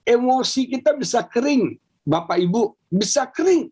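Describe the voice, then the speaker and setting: A male pastor preaching a lively sermon over a video call, often asking the congregation whether they agree. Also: very high voice, moderate pace, breathy edge.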